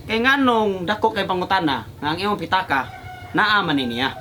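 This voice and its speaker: A man playing a show host in a comedy skit, coaxing and calming both sides with laughs. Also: high-pitched, moderate pace, very noisy. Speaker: mock radio host mediating a complaint. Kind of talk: comedy sketch acting. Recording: music playing behind.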